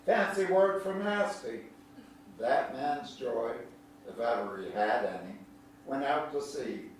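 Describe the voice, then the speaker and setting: A man takes it slowly, his medium-pitched voice expressive, as he acts the part of a kindly, teasing old country storyteller with a homespun drawl. The wise, reflective performance is part of a staged reading in a big echoey hall, picked up from a distance with faint noise.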